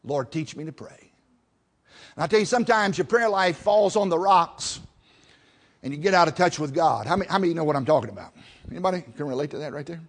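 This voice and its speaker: A man preaching a sermon in a folksy way, building to loud emphatic peaks and falling back soft. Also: fairly high pitch, animated, fast talker.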